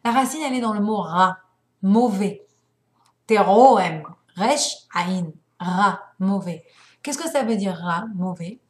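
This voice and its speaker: A young adult woman teaching a spiritual lesson, telling stories in an animated way and acting out the voices. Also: mid-range voice, measured pace. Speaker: religious teacher. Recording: roomy echo.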